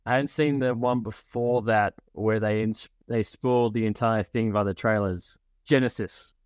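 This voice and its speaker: A man's voice: on the low side, steady tone, normal speed, smooth, no echo, studio quality. A man co-hosting a casual podcast, talking animatedly and acting out quotes in a raised voice. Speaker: podcast co-host.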